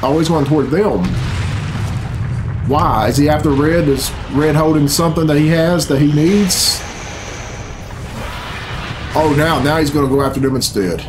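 A middle-aged reaction video host delivers profane, casual commentary with a sarcastic, bemused grumble, his voice fairly high in pitch. He talks at normal speed but pauses often. The setting is a small bedroom indoors, the background is noisy, and video game cutscene music plays.

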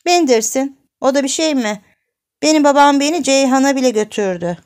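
A woman voicing a bratty little boy who brags and taunts in a high, childlike voice. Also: a little fast, a little mellow, close to an everyday voice. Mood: bragging. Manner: taunting, bragging.

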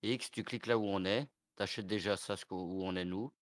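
A man playing a farming game with friends, calmly explaining the steps. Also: fairly low pitch, a little fast, no room sound. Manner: calm, explains steps patiently. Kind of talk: casual gaming chat.

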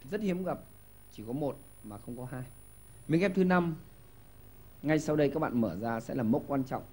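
A man hosting a TV quiz show in a studio, giving lively hints and often stumbling over repeated words. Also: on the high side, normal speed, husky. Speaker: game show host.

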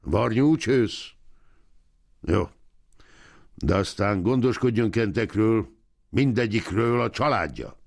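A man's voice: lowish voice, animated, gravelly, long pauses, darkish tone, no room sound, clean studio sound, pitched above the performer's own voice. A man voicing a fat, impatient landowner who talks to his farmhand in a curt, haughty way. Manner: curt, brusque.

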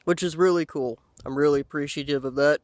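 A man in his thirties chatting casually to the camera outdoors, unhurried and halting, with pauses. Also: on the high side, fairly even intonation, no echo. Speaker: pipe-smoking video blogger. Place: outdoors by a lake in woods. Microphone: handheld camera at arm's length.

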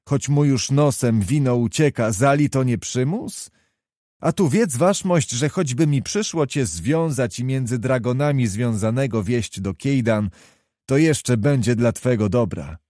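A man's voice: medium pitch, mellow, no room sound, clean studio sound, natural voice. Man reading as a proud, hot-tempered young nobleman. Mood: insistent. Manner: vehement, reproachful pleading.

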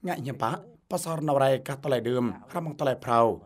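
A man giving scripted narration for a television feature, reading in a steady, even way. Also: mid-range voice, a little fast. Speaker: news narrator.

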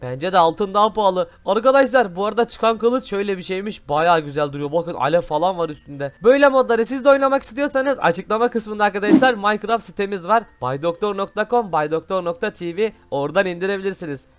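A man hosting excited gameplay commentary, full of loud exclamations. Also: sits high, quick pace, few pauses, music in the background. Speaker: gaming host.

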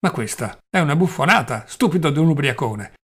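A man's voice: mid-range voice, expressive, moderate pace. A man reading the part of Velchaninov, an angry, agitated man, in an audiobook. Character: furious man, Velchaninov, shouting in anger.

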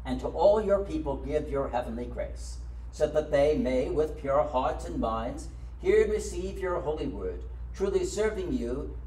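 A man in his sixties, a priest, reading set prayers at the altar in a measured, solemn way, recorded in a small chapel by a distant camera. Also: fairly high pitch, animated, warm tone, slight background noise. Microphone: far camera. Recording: echoey room from far off.

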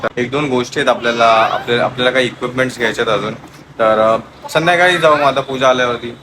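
A chatty young dad films a home vlog on his phone. He moves between gentle baby talk with his little daughter and easy explanations to his viewers. His voice sits in a middling pitch, with a faint hiss of background noise in the room. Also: quick pace. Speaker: vlogger and father. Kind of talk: casual home vlog, talking to camera and toddler.

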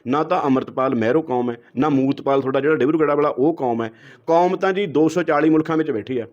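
A man's voice: a little high, quick pace, darkish tone. A man with a Punjabi accent, a guest giving heated interview answers, lecturing and throwing out rhetorical questions. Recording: dull lo-fi recording.

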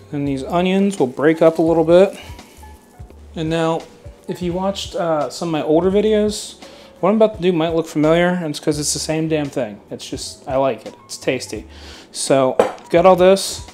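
Soft music plays behind this cooking channel host, a thirtysomething man filming at home. He talks on the high side at a moderate pace, pausing often, casual and chatty with lots of fillers and mild swearing.

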